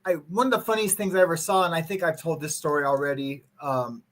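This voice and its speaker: A man chatting casually as a guest, quick to agree and telling a story. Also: a little high. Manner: chatty, lots of agreeing yeahs. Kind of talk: casual chat.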